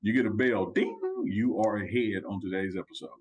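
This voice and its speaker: A man's voice: fairly low pitch, fairly even intonation, fairly quick, husky. A man with a Southern US accent and a folksy drawl, chatting casually about sports as a commentator on a talk show.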